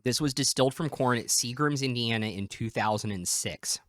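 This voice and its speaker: A man's voice: medium pitch, moderate pace, a bit bright, no room sound, clean studio sound. A man in his thirties hosting a casual whiskey tasting, chatty and enthusiastic as he describes the flavors. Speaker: whiskey review host.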